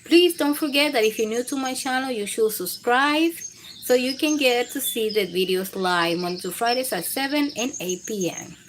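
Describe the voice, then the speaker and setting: This children's storytime host has a highish, animated voice and reads to little ones at a moderate pace, though she still takes her time. Her intonation swings expressively up and down, while noticeable background noise, including chirping, fills the clip.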